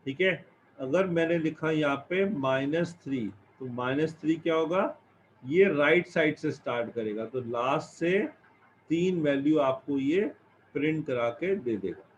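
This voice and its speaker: A man's voice: fairly high pitch, a little slow. Man teaching class in a lo-fi room. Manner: explains step by step, asks and answers own questions. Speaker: computer science teacher. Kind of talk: classroom lesson. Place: classroom with students. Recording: dull lo-fi recording with faint background noise.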